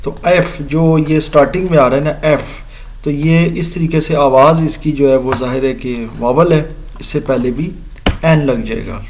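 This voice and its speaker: Man, grammar teacher, slow patient explaining, faint noise behind. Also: a little high, a little mellow. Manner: explains slowly, spells out letters and repeats words. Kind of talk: recorded grammar lecture.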